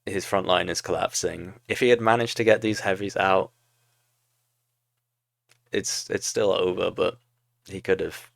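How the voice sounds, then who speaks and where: In this casual game commentary, a young man reviews his own strategy match replay, laughing at himself as he dissects what he got wrong. His low, gravelly voice stays steady and measured, with frequent pauses, and the recording is dry and close, without any sense of the room.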